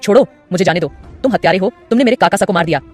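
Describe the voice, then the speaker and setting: A woman's voice: lowish voice, expressive, very fast, a little mellow, soft background music. A woman voicing a frightened but defiant young woman in an audio story.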